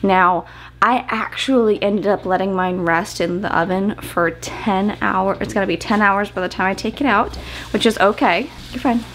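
A homesteading cooking vlogger in her thirties explains each step to the camera in a chatty, casual way while she cooks in her home kitchen. Her medium-pitched voice moves at a normal speed. The recording is rough, with slight background noise.

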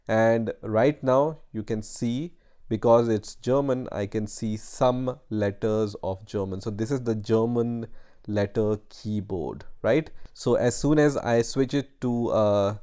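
Over a screen recording, a man with a fairly low, mellow voice hosts a computer tutorial, walking through each step in plain terms. He pauses often and keeps asking "right?" to check in.

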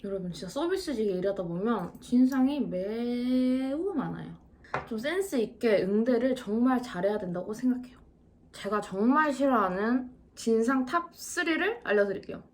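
A woman in her twenties telling a vlog story about her service job, acting out customers' lines in an animated way. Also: a little high, moderate pace, slight background noise. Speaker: vlogger, service worker. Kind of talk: casual storytelling to camera.

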